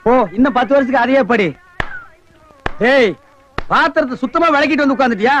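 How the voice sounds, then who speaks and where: A man with a Tamil accent acting a scornful loudmouth who mocks and scolds beggars in a film comedy scene. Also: very high voice, fairly quick, a little hiss or hum. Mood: scolding. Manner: sharp mocking scolding. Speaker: comedy actor.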